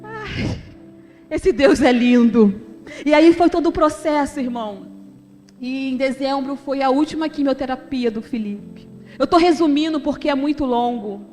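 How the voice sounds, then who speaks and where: Brief: middle-aged woman, high voice, heartfelt church testimony, long hall reverb. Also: unhurried, warm tone, faint music behind. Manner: emotional, conversational, addresses the congregation as brothers. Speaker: deaconess giving a testimony. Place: church sanctuary.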